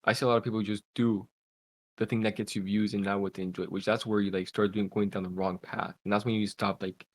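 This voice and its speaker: This content creator, a twenty-something born in Cuba and raised in Pennsylvania, talks fast and low in a flat delivery while guesting on a podcast. His casual story wanders, packed with "like." The podcast call mic picks up no room sound.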